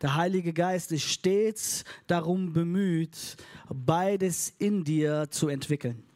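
Guy preaching in church, kinda high voice, chatty and upbeat, throws in english words. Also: slow pace, a little mellow. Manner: casual and upbeat, mixing in English phrases; leads the congregation in call and response. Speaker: pastor. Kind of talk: sermon. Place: church hall before a congregation.

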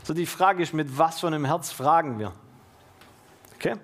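A man's voice: a little high, moderate pace, a little hiss or hum. A young man leading a casual Bible study, slangy and enthusiastic, walking listeners through verses. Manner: slangy and enthusiastic, reads verses aloud with lively stresses.

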